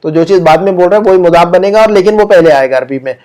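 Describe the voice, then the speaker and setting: A man with an Urdu-speaking accent teaching an online grammar lesson. He explains patiently, repeats example sentences slowly and puts questions to his students. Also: high-pitched, darkish tone.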